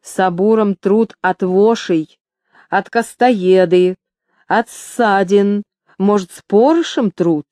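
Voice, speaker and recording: A woman's voice: mid-range voice, expressive, slow pace, hardly any pauses, mellow, no room sound. A woman voicing an irritable older male churchman in an audiobook, scolding and querulous. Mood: cross.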